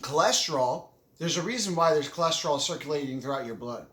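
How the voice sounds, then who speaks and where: A man's voice: a little high, animated, fast, a bit bright. A man casually vlogging while he eats, talking with his mouth full in a rambling, enthusiastic way and often correcting himself. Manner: talks with his mouth full, chewing between phrases. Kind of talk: casual vlog talk while eating. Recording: echoey room.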